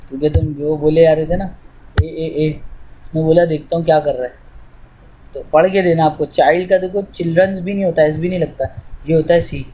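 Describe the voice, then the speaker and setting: A man's voice: fairly high pitch, fairly even intonation, a little fast, warm tone, a little hiss or hum, low-quality recording. A man teaching English, explaining step by step in an informal way to a student while demonstrating on screen.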